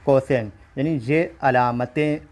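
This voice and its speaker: A man's voice: medium pitch, fairly even intonation, slow pace, darkish tone. A man teaching an online exam-prep lesson, explaining step by step and often checking in with his listeners. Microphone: recorded while writing on a screen.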